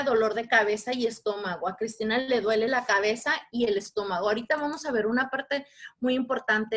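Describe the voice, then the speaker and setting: A woman's voice: fairly high pitch, a bit bright. Patient Mexican woman leading an online workshop. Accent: Mexican Spanish. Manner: patient, asks the audience questions. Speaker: workshop facilitator. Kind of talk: live online workshop talk. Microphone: video call.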